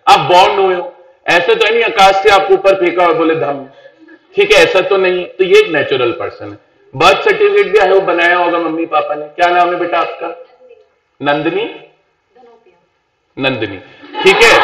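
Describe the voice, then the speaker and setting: A high-pitched man gives a playful, chatty classroom lecture to his students. He hammers points home by saying them again and again. His voice bounces around the room and comes from some way off the mic. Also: moderate pace, fairly bright tone. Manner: repeats phrases for emphasis. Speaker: law teacher. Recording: echoey room, voice picked up from a distance.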